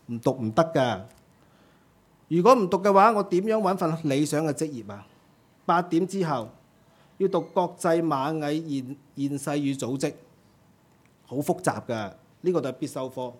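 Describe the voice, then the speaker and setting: A man's voice: fairly high pitch, pitched above the performer's own voice. A man voicing an overworked ant student who pleads with God and complains about endless classes and homework.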